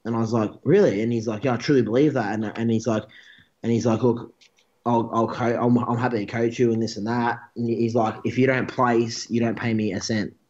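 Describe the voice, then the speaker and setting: A man in his thirties with an Australian accent rambles through his stories in an easygoing interview, often repeating and restarting himself. His voice sits at a middle pitch. The recording is a little dull and lo-fi. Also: level tone, fairly quick, a little mellow. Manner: rambling storyteller, restarts a lot. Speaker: interview guest, pro bodybuilder. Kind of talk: casual chat. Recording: dull, lo-fi sound.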